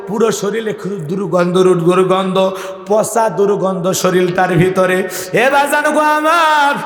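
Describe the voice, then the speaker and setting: Man preaching a sermon, high sing-song voice, big roomy echo. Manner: sing-song preaching, swinging between high calls and low asides. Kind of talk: Islamic sermon storytelling. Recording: echoey hall with long reverb.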